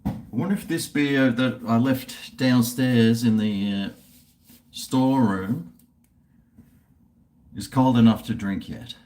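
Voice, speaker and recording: A man's voice: medium pitch, takes it slowly, pauses often, a little mellow, slight background noise. A middle-aged man, rambling casually on a livestream in a blokey, laid-back, sweary way. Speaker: livestream host. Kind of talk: casual rambling livestream chat while drinking beer.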